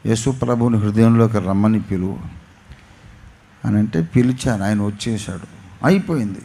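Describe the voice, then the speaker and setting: A man's voice: normal speed, slightly rough. A male pastor with a Telugu accent preaching a sermon, acting out an anecdote with sudden rises and drops in voice. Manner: dramatic storytelling, voicing characters with swings in pitch and loudness. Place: church gathering.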